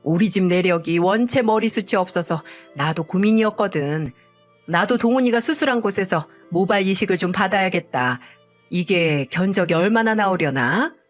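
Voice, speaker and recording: A woman's voice: fairly low pitch, expressive, normal speed, faint music behind, natural voice. A woman voicing a greedy older mother-in-law who nags and scolds in a raised, scornful voice. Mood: scheming. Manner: nagging, scornful.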